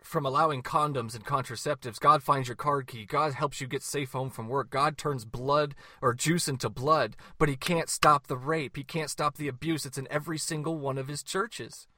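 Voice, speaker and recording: A man's voice: mid-range voice, fairly even intonation, moderate pace, hardly any pauses, pushed and bright, no room sound, clean studio sound. A man debating religion with passion, quoting scripture and firing off rhetorical questions.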